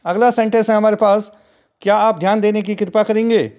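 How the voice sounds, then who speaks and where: A man teaching a spoken English lesson in Hindi, saying each phrase slowly and then repeating it. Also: sits high, fairly even intonation, darkish tone.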